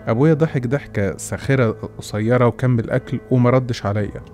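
A man's voice: medium pitch, fast, a little mellow, faint music behind. A man with an Egyptian accent narrating a scripted horror story in a dramatic first-person storytelling manner.

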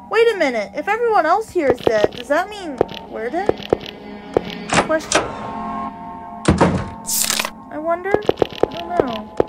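A woman streaming a game live, reading the on-screen text aloud and reacting with excitement. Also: fairly high pitch. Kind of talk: live gameplay commentary. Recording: loud insect and cricket noise behind.

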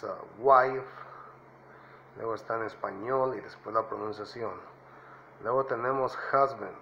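Slow, bright-voiced man teaching vocabulary. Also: on the low side, lo-fi sound, a little hiss or hum. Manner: slow, explanatory, with many fillers and checking "¿ok?". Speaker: English teacher and channel host. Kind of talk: casual lesson.

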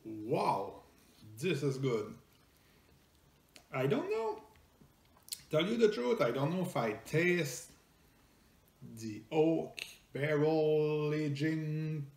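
A middle-aged man with a French Canadian accent talks slowly through a casual product review, his voice lively and rising high. He halts often, filling gaps with fillers and restarts. The room around him sounds echoey. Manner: halting, many fillers and restarts. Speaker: food reviewer host.

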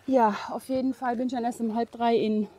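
A woman's voice: on the high side, darkish tone. A middle-aged woman chatting to the camera while hiking an outdoor forest trail, rambling with many fillers and laughs, a little out of breath. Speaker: hiking vlogger. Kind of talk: casual chat to camera. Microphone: camera held at arm's length.

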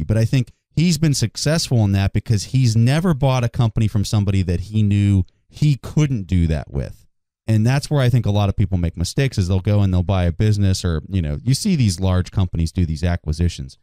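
A man's voice: lowish voice, dark tone, no room sound, studio quality. A man co-hosting a podcast, telling stories in an enthusiastic, emphatic way during a casual discussion. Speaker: podcast co-host.

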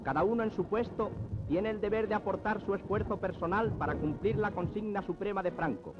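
A man's voice: high-pitched, a little fast. A man with a Castilian Spanish accent narrating an old newsreel in a solemn, declamatory way, heard as an old newsreel soundtrack. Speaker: newsreel announcer. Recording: dull lo-fi archival film sound with music behind.

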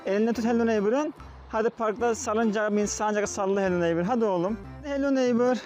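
A man's voice: high-pitched, quick pace, a little mellow, soft background music. A father playing with his young son in a family vlog, talking in a coaxing, repetitive, playful way.

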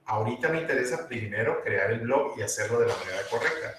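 Patient teacher in an echoey room. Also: male voice, medium pitch, animated, quick pace, far from the mic, noisy background. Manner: patient, step-by-step, repeats instructions. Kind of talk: online class instruction.

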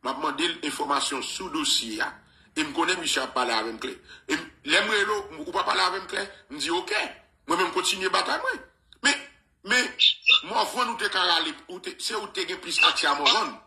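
A man's voice: high voice, expressive, a little fast, pushed and bright, echoey room, poor audio. A man with a Haitian accent in casual radio talk, often stammering on repeated words and dropping in English ones.

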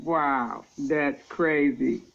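Fairly high-voiced guy hosting a talk show, easygoing, some ums, dull lo-fi sound. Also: steady tone, extremely slow, gravelly, fairly bright tone. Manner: easygoing, laughs along, fillers. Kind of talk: casual interview chat. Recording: dull lo-fi audio.

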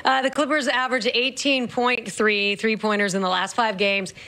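A woman's voice: fairly high pitch, level tone, moderate pace, sharp tone. A woman co-hosting a postgame studio broadcast, wrapping up the game. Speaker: studio co-host. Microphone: handheld mic.

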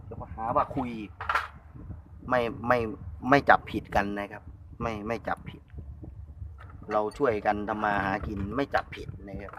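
A man's voice: fairly low pitch, noisy background. A man with an Isan Thai accent giving a hands-on electronics repair tutorial in a chatty, repetitive style at a workbench.

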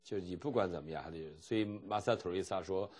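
A man's voice: deep voice, fast. A middle-aged man from mainland China, a pastor teaching a seminary class and telling stories with chuckles. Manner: animated storytelling, acting out dialogue with chuckles. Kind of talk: seminary lecture.

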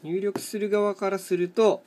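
A man hosts a solo mahjong chat video as a live streamer, commentating casually as he plays tiles and thinking aloud in short, matter-of-fact fragments. His voice is high and a little mellow, with flat delivery at a slightly slow pace, plus a touch of hiss or hum.

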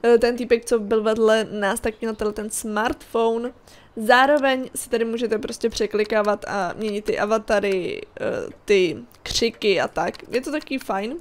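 A woman's voice: on the high side, steady tone. Chatty young woman explaining a game. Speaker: gaming channel host. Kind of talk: casual let's-play commentary.

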